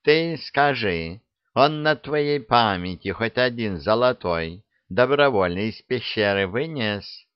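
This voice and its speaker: A man's voice: medium pitch, animated, slow pace, smooth, no echo. A man voicing a servile, fawning male cat who talks in a wheedling way, in a dull, dry recording. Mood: sly. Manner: obsequious, wheedling.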